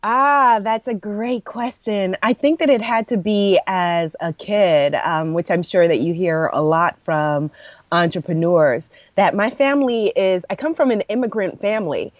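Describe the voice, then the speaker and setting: A woman in her thirties from New York speaks as an interview guest, spinning stories with easy laughs and lots of "you know". Her voice sits at a middle pitch. The audio is a touch muffled and dry, with no room sound. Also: measured pace, no room sound. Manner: warm storytelling with frequent laughs and "you know". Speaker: podcast guest, entrepreneur. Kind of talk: casual interview conversation.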